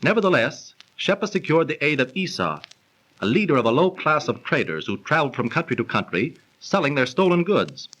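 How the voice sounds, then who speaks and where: The audio is poor, taken from an old 1930s radio transcription. An actor voices a warm, erudite young man recounting legends in a refined, stagey radio style, in a storytelling mood. His delivery is sing-song, fairly quick, a little high, and somewhat bright.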